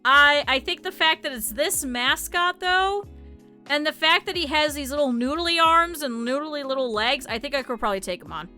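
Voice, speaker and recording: A woman's voice: high voice, normal speed, sharp tone, soft background music. An American woman streaming in casual chat, swearing freely and laughing often. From United States.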